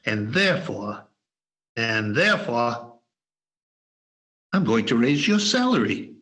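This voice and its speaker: An amateur actor reading Ebenezer Scrooge in a radio play over a video call, a gruff old miser grown kindly. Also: male voice, mid-range voice, very animated, takes it slowly. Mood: jovial. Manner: gruff growl put on, then warm and humble.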